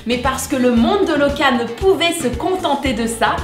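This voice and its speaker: A woman's voice: sits high, lively intonation, moderate pace. A woman host giving a playful scripted introduction to her show. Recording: roomy echo, music behind.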